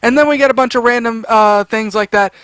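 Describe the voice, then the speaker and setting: A man with a high-pitched voice, recorded dry and close, rants through his review of a horror story. He rambles, stammers and repeats himself, sounding exasperated as he picks the story apart. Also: fairly quick, fairly bright tone, clear, resonant tone, no room sound. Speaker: creepypasta reviewer. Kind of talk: ranting commentary.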